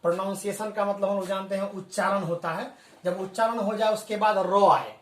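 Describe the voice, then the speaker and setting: A man's voice: sits high, fairly even intonation, far from the mic. Patient male teacher in an echoey room. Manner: patient, repeats example words slowly. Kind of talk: spoken language lesson.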